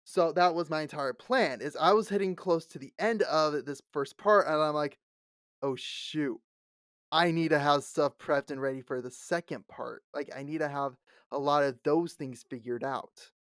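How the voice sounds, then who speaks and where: A man in his late twenties co-hosts a podcast, chatting casually, laughing often and acting out the people he quotes. His voice sits a little high and a bit bright, smooth at a normal pace, captured with studio quality and no echo.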